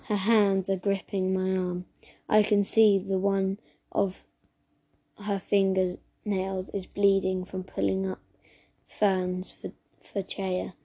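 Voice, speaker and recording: A woman reading a children's story aloud as narrator, steady and even, with small slips. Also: medium pitch, husky.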